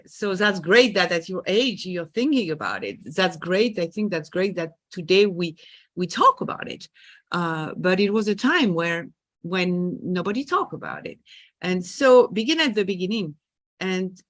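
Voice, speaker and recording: Speaking with a French accent, this middle-aged woman from France is being interviewed on a podcast about her leadership coaching. Her pitch is lowish but swings widely, her pace is moderate, and there's no room sound at all. Thoughtful in manner, she keeps pausing with fillers and small restarts.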